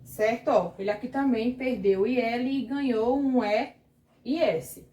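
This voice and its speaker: A woman's voice: fairly high pitch, warm tone, echoey room, a little hiss or hum. A Brazilian Portuguese woman teaching an online grammar lesson to children, patient and explaining step by step while she checks in with the class. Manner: patient, explains slowly, keeps asking the class "certo?". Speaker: primary school teacher.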